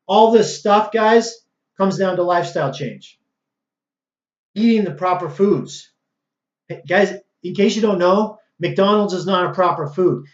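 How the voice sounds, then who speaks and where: Earnest higher-voiced man giving a preachy health talk, roomy and a bit dull-sounding. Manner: earnest, preachy, repeats "guys" often. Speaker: chiropractor. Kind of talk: direct-to-camera health talk.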